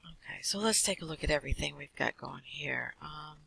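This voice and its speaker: Fast-talking male accounting lecturer, gravelly. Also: fairly high pitch, bright, forceful tone, a little hiss or hum, poor audio. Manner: quick, explanatory, with fillers. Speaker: accounting instructor. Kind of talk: recorded slide lecture.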